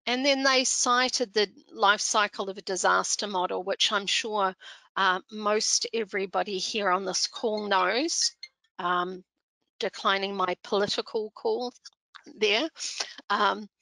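An older woman with a New Zealand Kiwi accent, giving a measured, explanatory presentation into a headset on a video call. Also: medium pitch, gravelly, sharp tone, dry recording, poor audio. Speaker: speaker on disaster chaplaincy. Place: indoor room.

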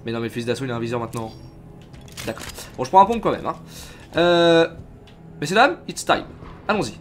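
A man streaming a game live, chatting casually and reacting loudly as he plays. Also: medium pitch, very animated, brisk, a little hiss or hum. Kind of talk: live gameplay commentary.

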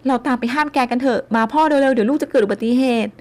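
A woman's voice: high-pitched, racing, darkish tone, pitched above the performer's own voice. A woman voicing a worried older mother and grandmother who sighs over her daughter. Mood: urgent. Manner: sighing, fretful.

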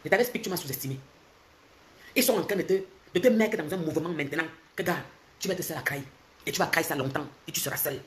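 On a phone held close in a bright indoor room, a woman in her forties with a Cameroonian French accent delivers a heated livestream rant over slight background noise. She's a social media commentator, rapid and confrontational, alternating loud ridicule with low, intense lectures.

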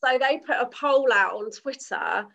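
A woman's voice: on the high side, measured pace, creaky, a bit bright. A woman co-hosting an earnest casual discussion over a video call, speaking emphatically with frequent restarts. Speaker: co-host.

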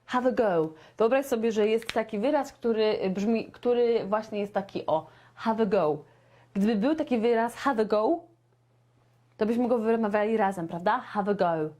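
A young woman teaching English in a live online lesson, lively and chatty, often turning to her viewers and acting out everyday dialogues. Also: a little high, moderate pace, muffled recording.

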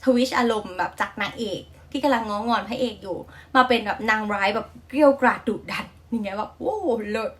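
A woman's voice: a little high, fast, hardly any pauses, fairly bright tone. A young woman with a Thai accent hosting a casual reaction vlog, chatty and gushing, with many fillers and polite endings. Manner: polite feminine sentence endings. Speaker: reaction video host.

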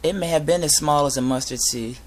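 A young adult man giving an informal sermon with Bible readings, speaking earnestly and a little haltingly. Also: on the high side. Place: inside a garage. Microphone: device camera at close range.

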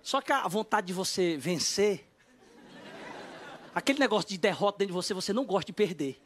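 A middle-aged man telling a comic story as a talk show guest, animated and quick to jump between loud bids and low asides. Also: slight background noise.

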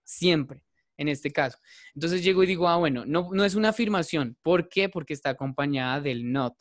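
A male teacher leads an online class, walking his students through each step and stopping often to check they follow. His voice sits a little high, and the sound is dry, with no room around it. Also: moderate pace, dry recording. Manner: patient, repetitive, checks in with "¿listo?". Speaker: English teacher.

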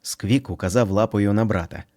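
A man narrating a children's storybook in an expressive, playful reading. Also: lowish voice, normal speed.

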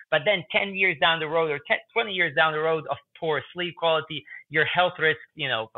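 A man in his thirties with a Croatian accent and a slightly high voice answers interview questions as a guest researcher, chatty and full of fillers and repeats. He's on a video call through earbuds from a room with a whiteboard, and the audio is tinny, phone-like and dry, with no room sound.

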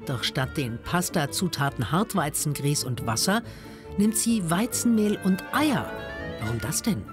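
Lively documentary narrator over music. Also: mid-range voice, unhurried.

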